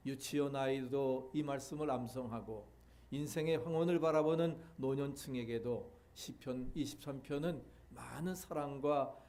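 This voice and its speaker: A middle-aged man from Seoul, a pastor delivering a sermon in a measured way, pausing often with fillers. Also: medium pitch, darkish tone. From Seoul, South Korea. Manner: measured preaching with frequent filler pauses.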